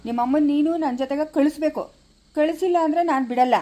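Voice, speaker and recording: A woman's voice: high voice, quick pace, warm tone, natural voice. A woman playing a rude, boastful adult male prank caller in a family comedy skit, speaking with a Chikkaballapura Kannada accent and taunting, repetitive talk.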